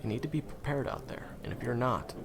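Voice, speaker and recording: A male speaker plays a warm, reassuring ex-hunter guide in a fantasy game audio roleplay, addressing the listener casually with halting pauses. His mid-range voice is lightly acted over background noise, with a reassuring, helpful mood.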